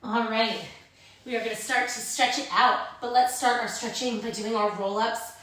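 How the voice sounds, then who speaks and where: A woman with a fairly high, slightly bright voice leads a live Pilates class, cueing and counting in an informal, encouraging way at a moderate pace with fairly even intonation. She's some distance from the microphone in a very echoey room.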